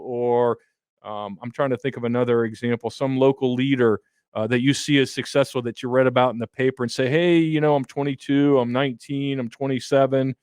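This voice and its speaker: A man in his fifties co-hosts a radio money show as a financial advisor, talking casually, bluntly and with jokes. His voice sits at a middle pitch. The sound is dry and close to the mic. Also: a little mellow, clean tone, no room sound. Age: 50s. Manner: blunt, joking, folksy analogies.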